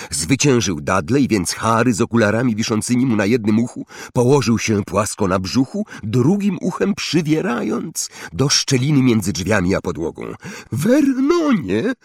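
Guy reading a storybook aloud, husky lowish voice, super swoopy dramatic reading. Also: no echo, clean studio sound. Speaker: audiobook narrator. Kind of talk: expressive storybook narration.

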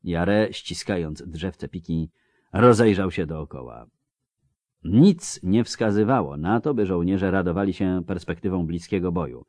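A man narrates an audiobook in a calm, measured storytelling voice. His pitch moves a lot through each sentence. The recording is dry and close, with no room sound. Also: no room sound. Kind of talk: scripted narration.

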